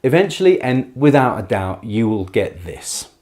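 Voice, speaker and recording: A man giving a beginner guitar tutorial in a careful, unhurried way, patiently and reassuringly explaining each step. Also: mid-range voice, big pitch swings, darkish tone. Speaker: guitar teacher. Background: acoustic guitar playing.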